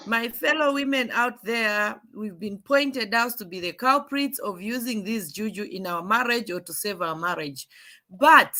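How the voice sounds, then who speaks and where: A woman's voice: mid-range voice, measured pace, sharp tone. A woman hosting a talk show discussion, speaking directly to the viewers and mixing in local words.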